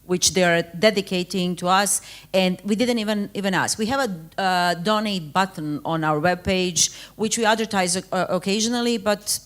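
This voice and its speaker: A woman's voice: medium pitch, normal speed. A woman on a panel answering matter-of-factly about her outlet, with frequent fillers. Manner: matter-of-fact, frequent uhs.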